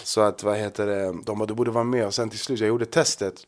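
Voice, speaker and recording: A man of Chilean family telling a long story in casual chat, acting out other people's lines with lots of fillers. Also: lowish voice. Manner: animated, acts out others' lines, many fillers.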